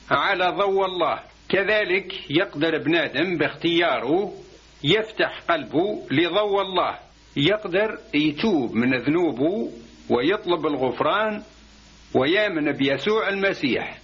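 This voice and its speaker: A man with an Algerian Arabic accent narrates a religious parable in a calm, explanatory way. His voice sits a little high for a man and has a husky edge. The recording is dull and lo-fi. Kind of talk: religious storytelling.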